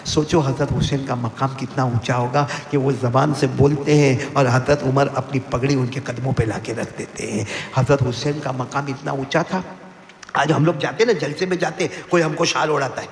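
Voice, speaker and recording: A man preaching an impassioned sermon at a live gathering, prompting the seated crowd to call back praise and swinging between soft pleading and high cries. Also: a little hiss or hum. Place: religious gathering before a seated audience. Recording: echoey hall with long reverb, faint ambience.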